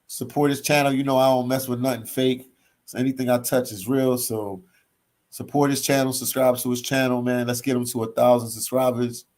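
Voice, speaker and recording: A travel vlogger from Philadelphia on the US East Coast reads his live chat aloud and responds in a casual, laid-back way while in a hostel library. His voice sits at a medium pitch, and he often repeats phrases and adds "man" to the end of sentences.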